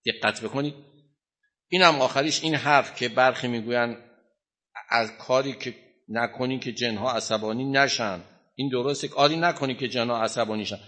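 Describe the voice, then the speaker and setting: Forceful, bright-voiced male religious teacher. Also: medium pitch. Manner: emphatic, quizzes listeners and dictates notes; chants scripture in Arabic. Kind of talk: religious lecture to a class.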